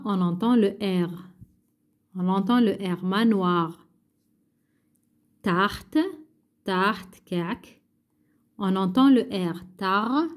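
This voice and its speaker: Woman teacher, patient, repeats and translates each word, mid pitch. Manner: slow, patient, repeats words and translates French into Arabic. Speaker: primary school teacher. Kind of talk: workbook lesson.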